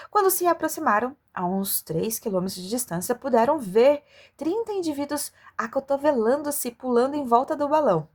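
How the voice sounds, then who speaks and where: An amateur children's audiobook reader with a fairly high voice narrates an adventure story in an expressive, storylike way. Now and then she stumbles and corrects herself.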